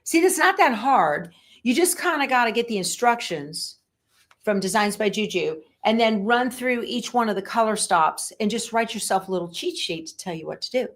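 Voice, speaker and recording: A woman's voice: a little high, animated, moderate pace. A woman teaching machine embroidery on a live stream, thinking aloud as she sets up her machine and chatting with viewers. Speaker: embroidery instructor. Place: sewing room.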